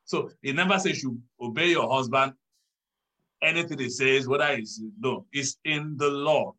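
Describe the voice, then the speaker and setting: A man, a pastor, teaching in a church talk show, measured and stressing key words. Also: medium pitch, bright, forceful tone, poor audio.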